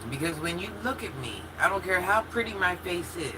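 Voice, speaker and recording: A woman's voice: on the low side, animated, brisk, noisy background. Chatty woman in her fifties, humming room. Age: 50s. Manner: chatty and candid, talks straight to chat with frequent laughs and restarts. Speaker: livestream host reading viewer comments. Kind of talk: casual chat.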